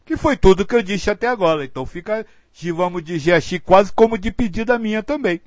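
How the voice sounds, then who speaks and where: A man's voice: sits high, lively intonation, fairly quick, dry recording. A man giving earnest spiritual guidance, explaining points patiently and acting out example phrasings. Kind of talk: spiritual teaching talk.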